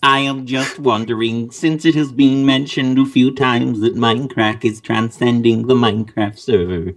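A man's voice: mid-range voice, fairly even intonation, moderate pace. A man voicing a stiff, formal male robot, talking into a cup so his voice comes out muffled and mechanical. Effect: robot voice muffled by speaking into a cup. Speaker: podcast host reading a listener question.

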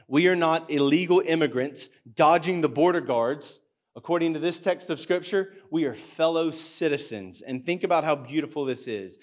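Earnest man preaching a sermon. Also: on the high side. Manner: earnest, acts out listeners' doubts in a livelier voice. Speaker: pastor. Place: school hall church gathering. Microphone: handheld or stand microphone.

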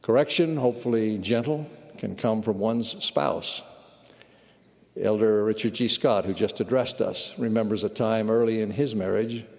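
A man giving a sermon at a church conference, measured and earnest. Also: on the low side, creaky, a little mellow. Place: large conference hall. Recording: long reverb of a large hall.

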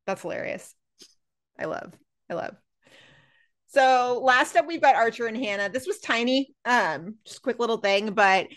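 Female podcast co-host, casual recap chat, animated retelling. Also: on the high side. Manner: chatty, acts out characters' lines while recapping.

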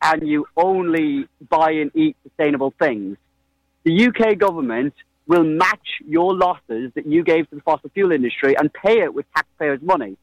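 A man with a fairly high voice in a heated debate. He sounds earnest and challenging as he presses his argument, recorded dry with little room sound. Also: no room sound, low-quality recording. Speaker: climate activist guest.

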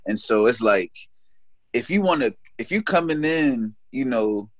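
Relaxed young man, dry close sound. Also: medium pitch, measured pace, no room sound. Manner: relaxed, repeats "you know what I'm saying". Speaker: guest. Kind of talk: casual faith conversation.

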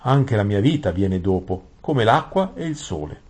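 A man reading an audiobook voices a fawning old grand vizier who speaks in a flowery, flattering way, pitched above his own voice. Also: moderate pace, slightly rough.

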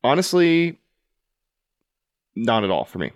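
A man's voice: medium pitch, big pitch swings, takes it slowly, no echo, clean studio sound. A man hosting a podcast, talking earnestly and reflectively about his army service in a casual interview. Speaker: podcast host, Army veteran.

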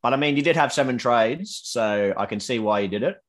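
A man's voice: mid-range voice, animated, brisk, a bit bright. An Australian man chatting casually as a panellist on a fantasy rugby league show. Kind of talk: casual sports chat.

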